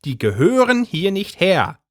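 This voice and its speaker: A man's voice: high-pitched, big pitch swings, unhurried, a bit bright, no echo, clean studio sound, pitched above the performer's own voice, exaggerated voice. A man voicing a suspicious, bossy middle-aged housewife who talks in an indignant, conspiratorial way. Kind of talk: storybook reading.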